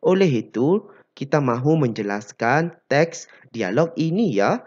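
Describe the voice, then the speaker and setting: A teacher walks pupils through a language lesson at an unhurried pace. The speech is dotted with long "ah" fillers, and the voice swings widely in pitch. The recording is dull and lo-fi. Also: big pitch swings, darkish tone. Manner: slow and deliberate, many drawn-out "ah" fillers, acts out example phrases.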